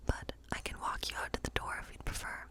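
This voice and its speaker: A woman's breathy, gentle whisper voices a kindly tarot-reading witch in an ASMR scene set in her forest cottage. Slow and soothing, she keeps offering reassurance.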